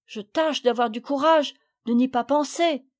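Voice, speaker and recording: A woman's voice: sits high, a little slow, darkish tone, pitched above the performer's own voice. A woman doing a small tender-hearted boy. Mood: sad.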